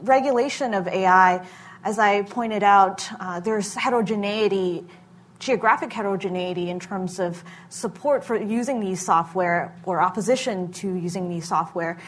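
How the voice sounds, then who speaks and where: A woman researcher answering questions at a hearing, speaking in a measured way with frequent filler pauses. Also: medium pitch. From Massachusetts. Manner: measured, many filler uhs. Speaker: researcher giving testimony. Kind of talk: formal testimony answering questions.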